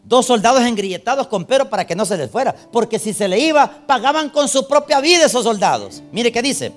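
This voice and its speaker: Man, preacher, sermon with scripture reading, rhetorical questions, animated swooping pitch. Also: a little fast, soft background music. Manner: addresses the congregation as brothers, asks rhetorical questions.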